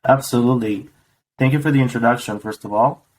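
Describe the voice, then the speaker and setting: Man in his forties from Romania, podcast guest, thoughtful, halting, mid-pitched. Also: a little hiss or hum, low-quality recording. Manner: thoughtful, unhurried, many ums. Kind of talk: casual interview.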